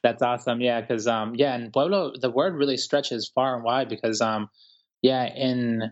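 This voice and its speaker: A man from Ecuador, a writer, talking calmly and thoughtfully in an interview, with many pauses and fillers. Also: medium pitch, lo-fi sound. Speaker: guest writer. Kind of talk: reflective interview talk.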